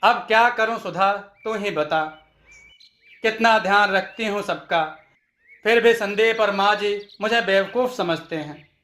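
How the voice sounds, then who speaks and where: A man's voice: high voice, unhurried, bright, forceful tone. A man voicing a foolish, literal-minded young daughter-in-law in a storybook tale, talking naively and taking every word literally. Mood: innocent. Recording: echoey room.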